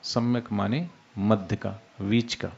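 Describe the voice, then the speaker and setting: Calm man giving a spiritual talk. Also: fairly low pitch, gravelly, slightly rough, dull audio. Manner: unhurried, explains with everyday examples, demonstrates soft and loud speech. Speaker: spiritual teacher. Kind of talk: devotional discourse.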